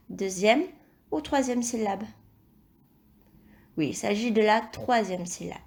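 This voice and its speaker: A woman teaching a recorded phonics lesson to young children, speaking slowly and carefully, repeating each word and praising the answers. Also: a little high, a little mellow. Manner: slow, careful, encouraging, spells out sounds and syllables. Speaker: primary school teacher.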